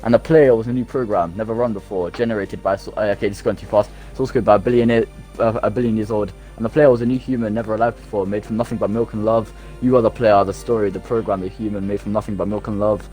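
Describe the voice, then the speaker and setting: Low-ish guy reading game text out loud on voice chat, jokey, swears a lot. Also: fairly even intonation, fast talker, few pauses, faint music behind, poor audio. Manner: joking, reads aloud with laughs and profanity. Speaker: gamer reading the game's ending aloud.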